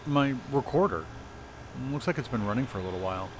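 A man's voice: mid-range voice, lively intonation, fast talker, noisy background, close to an everyday voice. An actor playing an enthusiastic, playful male paranormal investigator in an audio drama. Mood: teasing. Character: eager male paranormal investigator and house flipper.

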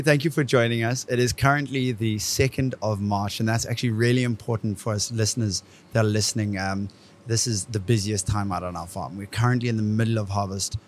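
A man's voice: on the low side, steady tone, fast talker, a little hiss or hum. A man hosting a podcast in a casual, informal interview style. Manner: chuckles often, informal. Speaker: podcast host.

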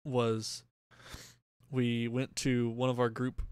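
A man's voice: mid-range voice, clear, resonant tone, no room sound. A young man co-hosting a podcast, chatting casually and telling stories from his bed at home. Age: young adult. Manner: relaxed storyteller, quick, with laughs. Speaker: podcast co-host. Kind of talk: casual chat.

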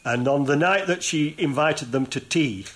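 A man's voice: on the high side, moderate pace. A man hosting an interview, chatting casually and recounting background stories to his guest. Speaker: interviewer and host. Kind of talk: casual chat.

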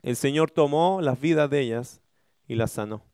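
A man preaching a sermon as a pastor, rising to loud emphatic peaks and dropping to hushed prayerful lows, calling the listener "brother" again and again. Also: normal speed, clean tone, dry recording, clean studio sound. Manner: addresses the listener as hermano again and again.

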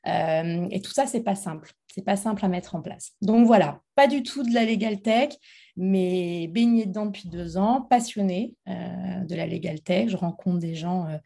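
A woman's voice: on the low side, creaky, dark tone. A woman interviewed as founder of a training institute, talking with many fillers and restarts. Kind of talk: interview conversation. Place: Montpellier, France.

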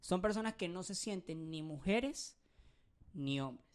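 A woman chatting casually, blunt and excitable, with plenty of slang. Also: on the low side, a little slow. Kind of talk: casual chat.

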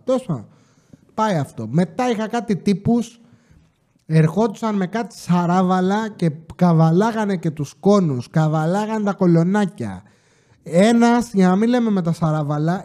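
A man's voice: high-pitched, dark tone. A man casually telling stories from his security job, swearing freely and acting out the people he quotes with exasperation. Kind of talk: casual storytelling monologue.

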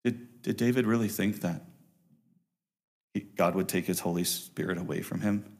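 Delivering a sermon to his flock, this pastor swings from loud, emphatic highs to soft, low moments at a moderate pace. His preaching is earnest, and he tends to circle back, repeating words and starting phrases over as an idea takes shape.

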